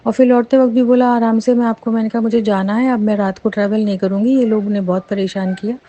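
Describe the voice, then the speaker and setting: A middle-aged woman earnestly recounting a personal experience as a devotee's testimony, growing animated as she recalls her fear. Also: a little high, fast talker, muffled recording.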